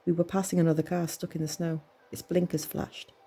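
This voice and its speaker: A woman reading a horror story aloud in a measured, tense storytelling manner. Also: fairly low pitch, level tone, husky. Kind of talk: scripted horror narration. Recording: soft music bed under voice.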